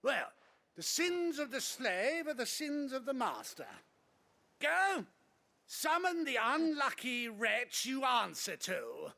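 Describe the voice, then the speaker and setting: An actor playing a pompous, cruel noble father, haughty and scornful with shouted outbursts. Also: very high voice, big pitch swings, slow, gravelly, exaggerated voice. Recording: game audio under faint music.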